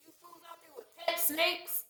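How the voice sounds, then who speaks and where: A woman's voice: extremely high pitch, little pitch movement, moderate pace, pushed and bright, echoey room. A woman giving blunt life advice in a casual, emphatic and preachy monologue, laughing often.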